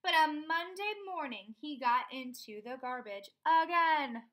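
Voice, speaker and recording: At home in a small room, a young adult woman gives an expressive children's read-aloud of a picture book, breaking off to question the kids listening. She speaks unhurriedly in a high voice, and the audio sounds dull.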